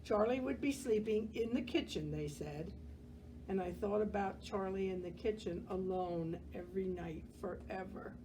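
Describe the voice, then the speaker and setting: Reading a picture book to children, this woman uses a medium-pitched, gentle, expressive voice, pausing to remark on the illustrations like a library storyteller. Background noise can be heard.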